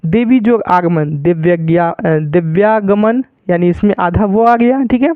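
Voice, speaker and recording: Slow, high-voiced man teaching grammar. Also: clear, resonant tone, dry recording. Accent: Hindi. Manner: explains slowly, repeating each example with questions. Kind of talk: grammar lesson. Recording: tinny phone-like sound.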